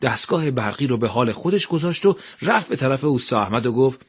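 A man narrating a scripted radio story in an even, measured way. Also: medium pitch, slightly rough.

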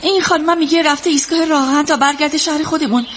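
Casting: a frightened, worried young woman, high and insistent. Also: steady tone, fairly bright tone, a little hiss or hum. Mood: anxious. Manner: anxious and pleading. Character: worried young woman searching for her partner. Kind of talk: dubbed film acting.

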